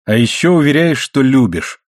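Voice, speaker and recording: A man's voice: medium pitch, animated, fairly quick, a little mellow, breathy edge, dry recording, clean studio sound. A man voicing a fiery, anxious young woman who pleads with and scolds her lover in an audiobook reading. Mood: pleading. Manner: pleading, exasperated.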